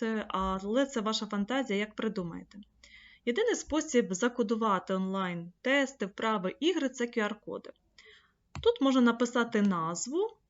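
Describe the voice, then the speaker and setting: Woman trainer explaining a tutorial. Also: mid-range voice. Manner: explanatory, addresses viewers directly. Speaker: online course trainer. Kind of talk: screen-share tutorial lesson. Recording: slightly dull lo-fi mic.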